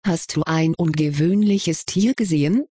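A reader voicing a curious, kindly male wizard professor in an audiobook, questioning gently with mild amusement. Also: mid-range voice, measured pace, slightly rough, no echo, clean studio sound. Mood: probing. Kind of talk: audiobook character reading.

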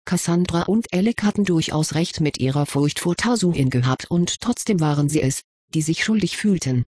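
A narrator reading a story aloud in an even, measured way. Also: medium pitch, slightly rough, no echo, clean studio sound.

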